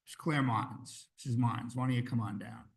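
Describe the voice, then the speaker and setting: Brisk, friendly man chairing a council meeting. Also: mid-range voice, creaky. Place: town council chamber.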